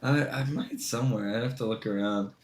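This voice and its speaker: A man's voice: medium pitch, fairly quick. A man in his twenties telling a short anecdote in a dry, understated way. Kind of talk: casual podcast chat.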